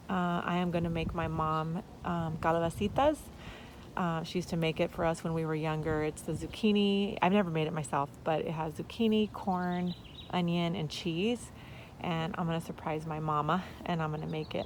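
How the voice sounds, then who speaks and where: A woman's voice: lowish voice, a little mellow, slight background noise. A middle-aged woman giving a chatty, enthusiastic tour of her backyard garden, outdoors. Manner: chatty and enthusiastic, exclaiming in amazement. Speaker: gardening vlogger. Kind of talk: casual garden tour vlog.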